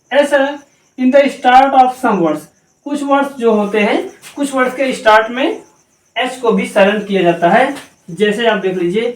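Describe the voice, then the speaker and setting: A woman's voice: mid-range voice, far from the mic. A woman teaching a pronunciation lesson, spelling words out letter by letter and asking and answering her own questions. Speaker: English teacher. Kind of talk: slow spelling-out grammar lesson. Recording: echoey room, voice from off-mic.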